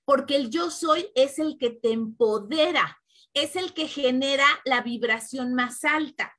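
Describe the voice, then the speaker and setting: A woman talks in a relaxed spiritual podcast conversation. Her voice sits high and rings bright. She leans into repeated affirmations in an earnest, reassuring way. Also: measured pace. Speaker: podcast co-host. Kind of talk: casual spiritual chat.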